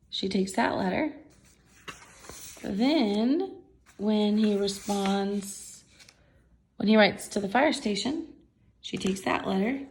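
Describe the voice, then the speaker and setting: This woman has a medium-pitched, slightly mellow voice with vocal fry. She reads a picture book to children with simple commentary, explaining each picture expressively. The audio quality is poor, with slight background noise.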